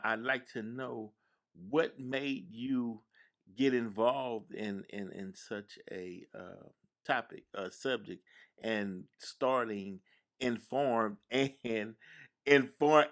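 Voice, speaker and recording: A man hosting a radio interview, speaking haltingly with repeated words and restarts. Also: mid-range voice. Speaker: radio show host. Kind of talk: conversational interview.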